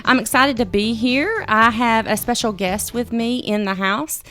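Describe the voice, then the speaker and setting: A woman's voice: fairly high pitch, a little slow, fairly bright tone. A woman from Georgia hosting a casual radio interview, chatty and upbeat, with some fillers. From Georgia, USA. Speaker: radio host.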